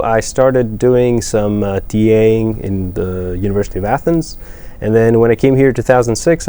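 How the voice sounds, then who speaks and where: A man's voice: on the low side, dark tone, smooth. A man from Greece with a Greek accent, a math professor answering interview questions in a thoughtful, advising way with many fillers.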